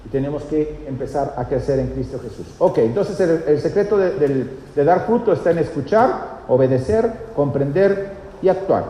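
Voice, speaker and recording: A man's voice: on the high side, expressive, normal speed, mellow. A male pastor, teaching a sermon and often checking with the congregation. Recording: echoey church hall, faint noise.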